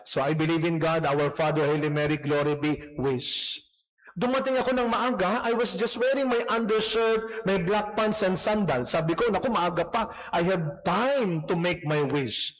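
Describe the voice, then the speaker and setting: Casting: priest, high-pitched voice, storytelling homily in church, light humor. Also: male voice, unhurried. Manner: storytelling with humorous anecdotes, mixing Tagalog and English. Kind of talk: homily at morning mass.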